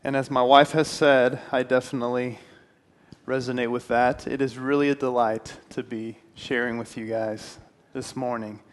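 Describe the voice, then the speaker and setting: Speaking with a medium-pitched voice, flat delivery, and moderate pace, a young Puerto Rican man in his twenties gives an earnest, friendly talk as a guest speaker, with a few restarts. The setting is a church hall with a stone fireplace, and he uses a handheld mic before changing to a headset.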